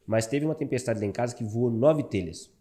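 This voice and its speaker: A Brazilian man in his thirties, a barber, telling his story as a guest in a casual interview, animated and calling the listener "cara". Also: mid-range voice, fairly quick. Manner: animated, fills talk with "cara".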